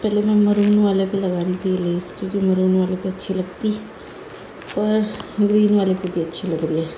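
A woman's voice: mid-range voice, steady tone, reverberant, dull audio, slight background noise. A young woman vlogging casually, thinking aloud as she measures fabric and lace. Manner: musing aloud while measuring fabric, soft and unhurried. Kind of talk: casual vlog talk to camera.

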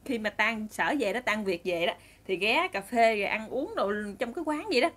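Chatty Southern Vietnamese woman storyteller, brisk pace, somewhat high voice. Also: expressive, fairly bright tone. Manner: chatty, addresses the audience directly. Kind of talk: casual storytelling to listeners.

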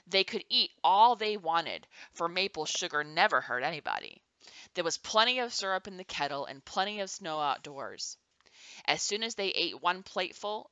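A woman reading a children's chapter book aloud to her nieces and nephews, expressive and animated. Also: fairly low pitch, no room sound. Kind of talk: storybook read-aloud.

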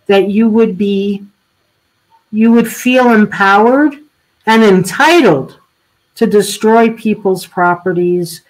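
An older woman hosting a casual political discussion over a video call, thoughtful and halting, often restarting her sentences. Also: mid-range voice, rough recording. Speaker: host.

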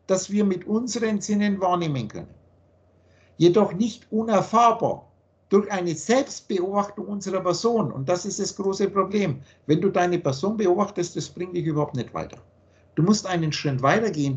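A man giving an earnest philosophical teaching monologue on a video call, slowing down to stress key points. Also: high-pitched, highs cut off. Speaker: spiritual teacher.

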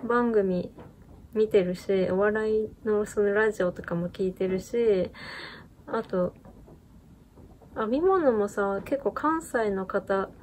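A woman's voice: mid-range voice, slow pace, long pauses, a little mellow, a little hiss or hum. A woman hosting a knitting channel, chatting casually in a rambling way with many fillers and small laughs. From Japan. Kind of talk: casual chat while knitting.

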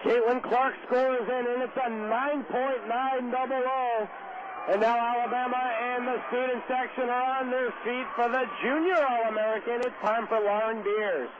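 High-voiced Boston man calling gymnastics. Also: flat delivery, normal speed. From Boston area. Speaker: play-by-play announcer. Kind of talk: live radio sports commentary. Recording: dull noisy radio broadcast.

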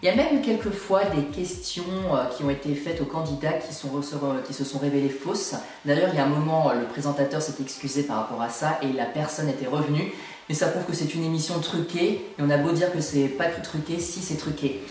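A man's voice: fairly high pitch, a little fast, a little mellow. Exasperated young man ranting in an echoey room. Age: young adult. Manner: exasperated, complaining, emphatic. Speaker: video blogger. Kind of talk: opinion rant to camera. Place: small indoor room at home. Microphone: camera at a short distance. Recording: very echoey room, distant microphone.

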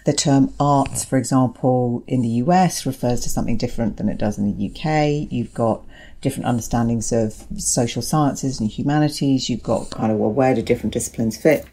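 Speaking fairly quickly, this woman has a mellow, rumbling low voice. As an academic interviewee, she gives articulate, forceful explanations, driving her arguments home by repeating them.

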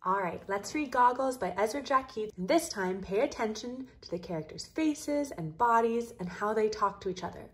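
Woman, first grade teacher, recorded reading lesson, clear, encouraging, fairly high voice. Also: expressive, moderate pace, few pauses, reverberant.

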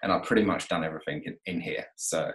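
Calling in by video from an echoey room at home, a renovation company owner in his thirties talks as a guest in a casual interview. His lowish voice is fairly bright and quick, and he rambles through his own story with many fillers and restarts.

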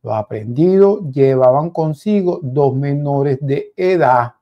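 Animated Venezuelan man commenting on news. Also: medium pitch, slow pace, lo-fi sound. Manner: animated, repetitive, addresses viewers as "señores". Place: small indoor home studio. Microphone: headset.

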